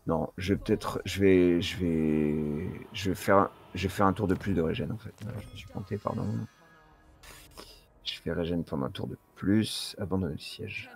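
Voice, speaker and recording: A man's voice: low voice, normal speed. A man chatting casually with a partner while playing a co-op strategy game. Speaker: co-op gaming partner.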